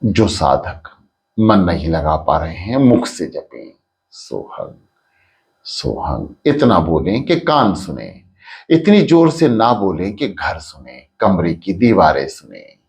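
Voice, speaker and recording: Slow, gravelly man guiding meditation. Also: sits low. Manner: slow, calm, soft-spoken instruction with long pauses. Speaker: meditation guide. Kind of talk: guided meditation instruction.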